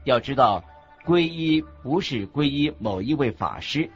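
A husky man, expressive and a little slow at medium pitch, voices a monk's teachings in a scripted radio drama. His reading is careful and didactic, and the muffled recording carries background music.

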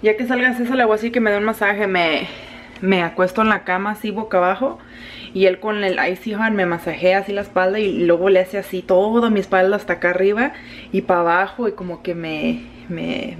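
A woman's voice: medium pitch, a little hiss or hum. Vlogger lady just chatting while she cooks, switches to a lot, pans clanking in the background. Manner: chatty, mixes English fillers into Spanish. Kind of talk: casual vlog chat. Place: home kitchen.

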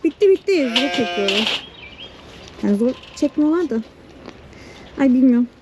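A woman's voice: fairly high pitch, a little slow. A young woman doing farm chores and chatting casually to her camera and to the animals as she feeds lambs. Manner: chatty, self-talking, coaxing animals. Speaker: farm vlogger. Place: barn with sheep and chickens. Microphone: head-mounted camera mic. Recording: noisy barn recording with bleating. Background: bleating lambs and sheep.

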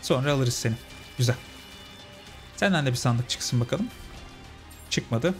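A man's voice: medium pitch, a little slow, soft background music. A young man giving casual let's-play commentary, chatting with his viewers as friends. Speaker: gaming channel host.

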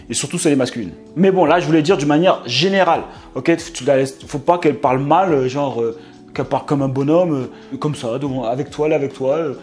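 Animated young man giving streetwise dating advice. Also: mid-range voice. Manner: animated, streetwise, slangy and joking. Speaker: dating advice video host. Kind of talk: casual storytelling advice talk.

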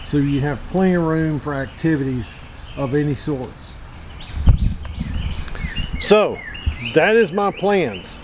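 Fortyish guy rambling about his yard, slightly high voice, faint birds and outdoor hum behind. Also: darkish tone, poor audio. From Middle Tennessee. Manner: rambling and plainspoken, self-correcting. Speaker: outdoors channel host. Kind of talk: casual walkthrough vlog. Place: backyard outdoors. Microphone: handheld camera.

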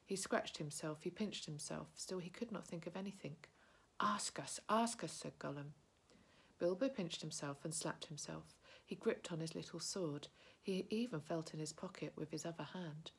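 Husky woman reading a story aloud, hushed. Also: sits low, moderate pace. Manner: calm, steady storytelling, often dropping to a hushed whisper. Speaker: early childhood educator reading to children.

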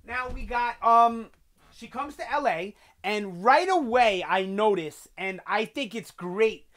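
This New York man reviews TV in a casual video, talking chattily from a small bedroom whose shelves hold collectibles. His voice sits high and he takes his time, staying animated, gesturing heavily, and leaning on fillers.

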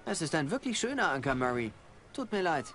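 A man's voice: on the high side, very animated, fairly quick, a bit bright. An actor playing a cheeky, bratty little boy pirate in a cartoon adventure game.

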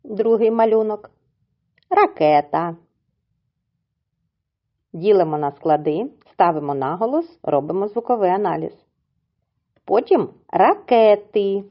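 A woman's voice: medium pitch, expressive, lo-fi sound. A woman teaching a lesson to small children in a coaxing, sing-song tone, drawing words out syllable by syllable. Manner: slow, syllable-by-syllable pronunciation. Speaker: preschool teacher.

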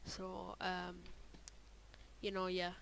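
A woman's voice: lowish voice, monotone, extremely slow, gravelly, a bit bright, slight background noise, rough recording. A young woman chatting casually as she reacts to her own old videos, rambling with lots of fillers and trailing off. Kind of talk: casual reaction vlog commentary.

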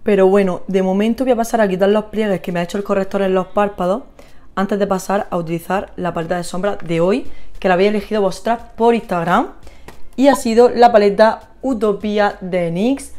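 Una vlogger de belleza con acento de España que charla de forma animada y entusiasta con sus seguidoras mientras se maquilla. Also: female voice, medium pitch, steady tone, fairly quick, a little mellow. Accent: Spain Spanish. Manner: chatty, gushing, talks to viewers while applying makeup. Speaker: beauty vlogger. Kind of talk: casual makeup tutorial chat.

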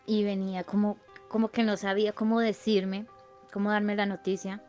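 A woman's voice: medium pitch, level tone, moderate pace, a little mellow, dull audio, faint music behind. Woman telling a personal story. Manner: conversational, with restarts and repeated phrases. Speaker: guest giving a testimony.

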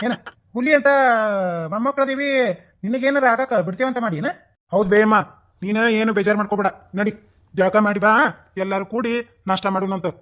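A man's voice: high voice, fairly even intonation, a bit bright. A man voicing a coaxing, talkative village headman in a cartoon, with a North Karnataka Kannada accent. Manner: fast, coaxing, reassuring. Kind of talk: cartoon voice acting.

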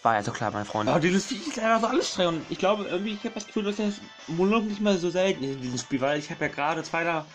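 A young man commentating his gameplay casually, excitable, swearing and pleading with the game while addressing his viewers as friends. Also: fairly high pitch, fast talker, hardly any pauses, music in the background. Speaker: gaming channel host.

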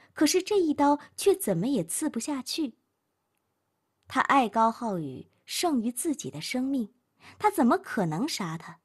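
A woman narrating a workplace novel as an audiobook, reading in an expressive storytelling manner. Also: fairly high pitch, breathy edge.

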